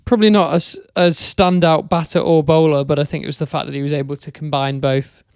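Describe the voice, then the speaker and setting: A man's voice: on the high side, level tone, fast, a little mellow, clear, resonant tone, dry recording, studio quality. A young man co-hosting a podcast, chatting casually about cricket with a thoughtful, hesitant delivery. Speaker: podcast co-host.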